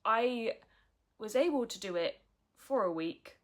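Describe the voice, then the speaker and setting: A woman's voice: on the high side, animated, a little slow. A woman, talking frankly and earnestly in a personal vlog. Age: early 20s. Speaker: vlogger. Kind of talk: candid personal vlog talk.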